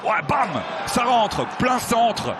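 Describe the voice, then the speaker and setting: A man gives excited live football commentary in a high voice. A clearly audible crowd and stadium noise sit behind him. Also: takes it slowly.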